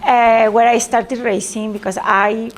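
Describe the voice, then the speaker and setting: Spanish woman, slightly high voice, hesitant casual presenter. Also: fairly even intonation, unhurried. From Spain. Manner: hesitant, with fillers and restarts. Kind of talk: casual talk to an audience.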